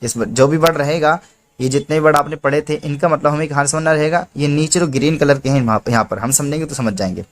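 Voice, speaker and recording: A man's voice: on the high side, quick pace. A man teaching Quran reading step by step, patiently explaining each rule and drawing out the letter names as he recites them.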